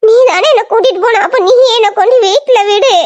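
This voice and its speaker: A performer playing a very high, fearful young woman. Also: fast talker, muffled recording. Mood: tearful fear. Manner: tearful, pleading, fearful. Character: timid, frightened young woman, a worried girlfriend. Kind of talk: amateur audio drama acting.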